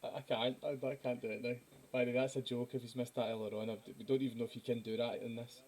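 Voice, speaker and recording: Male stream host, middle pitch, laid-back, chatty sign-off. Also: fast. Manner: relaxed, rambling, thanking viewers. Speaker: host of a live drawing stream. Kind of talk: casual chat.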